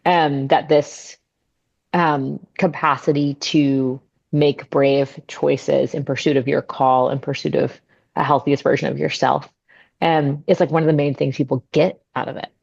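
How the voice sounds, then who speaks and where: Podcast host, woman, deep gravelly voice, slightly dull recording. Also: flat delivery, measured pace, darkish tone. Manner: thoughtful, rambling reflections. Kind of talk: casual podcast interview.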